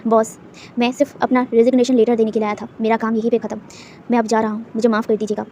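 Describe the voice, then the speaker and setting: A woman voicing a young male employee who forces a calm, formal tone, in a storybook reading. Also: on the high side, quick pace, slight background noise, close to an everyday voice. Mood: guarded, formal.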